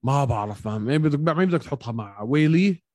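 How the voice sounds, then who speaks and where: A man with a Levantine Arabic accent talks quickly in a casual sports chat. He breaks down technique as a co-host, in a mid-pitched voice. The sound is dry, with little room. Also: expressive, mellow, no room sound. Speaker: co-host of an MMA podcast.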